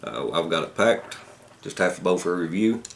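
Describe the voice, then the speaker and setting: Casting: man with a very low-pitched voice, casual reviewer, thinks aloud in halting phrases. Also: sing-song, vocal fry, a little hiss or hum. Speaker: pipe tobacco reviewer.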